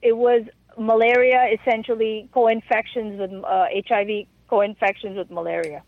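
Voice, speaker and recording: A woman's voice: on the high side, flat delivery, no room sound. Woman on a tinny phone line. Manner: halting, stumbling over words. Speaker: interviewee. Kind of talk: answering questions in an interview.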